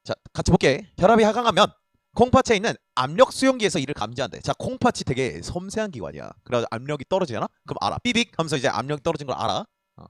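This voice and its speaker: A man's voice: fairly high pitch, big pitch swings, racing, no echo. A man teaching a reading lesson in a casual, blunt way, swearing freely and often checking that students are following. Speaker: Korean language tutor. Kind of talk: lecture on reading a passage.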